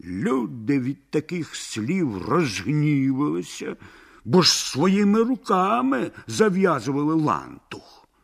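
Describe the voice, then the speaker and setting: A man reading a folk tale aloud in an expressive, animated storytelling way. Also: on the high side, slow, gravelly, slightly rough.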